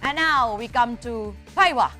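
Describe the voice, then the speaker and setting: A woman's voice: fairly high pitch, unhurried, bright, forceful tone. A woman presenting a quiz show in an upbeat hosting style. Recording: music under the voice.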